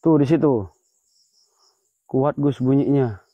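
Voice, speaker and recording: Man, excited night ghost-hunting vlog, outdoors in a cemetery, dry close phone audio. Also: mid-range voice, slow pace, breathy edge, no room sound. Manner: excitable, keeps exclaiming and pointing things out. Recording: slightly dull lo-fi phone audio.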